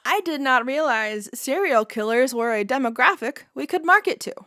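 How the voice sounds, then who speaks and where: This young woman talks in a fairly high voice, joking and sardonic as she tries out an app on camera. She swings between dry asides and bursts of laughter. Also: moderate pace. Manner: sardonic, lively, often laughing. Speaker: video creator. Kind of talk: casual comedic commentary.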